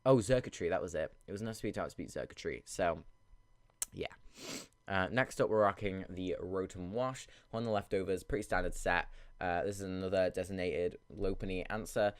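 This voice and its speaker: A man with a low voice talks through a game in a casual, rambling way, thinking aloud as he goes. He sounds sniffly and congested from a cold. The recording is very dry, with little room sound. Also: brisk, no room sound. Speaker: video game battle commentator. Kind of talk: casual gameplay commentary.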